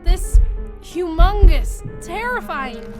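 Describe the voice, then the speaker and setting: A woman's voice: extremely high pitch, expressive, takes it slowly, over music, exaggerated voice. A woman playing a determined, feisty young city ladybug in a children's audio drama, dramatic and urgent. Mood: anxious, dramatic.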